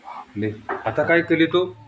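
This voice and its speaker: A man's fairly high voice, unhurried and drawn out, as he plays with a toddler at home. He coaxes the child along and breaks into excited, exclamatory gasps over the toys. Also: noisy background. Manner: animated, exclamatory, coaxing, with frequent "arey" and "baapre". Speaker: adult playing with a small child. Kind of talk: playful chat with a toddler.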